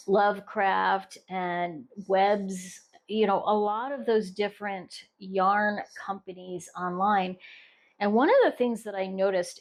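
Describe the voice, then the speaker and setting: A middle-aged woman from the United States chatting casually on her crochet vlog, rambling with restarts and fillers. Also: mid-range voice. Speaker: crochet vlogger. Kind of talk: casual chat.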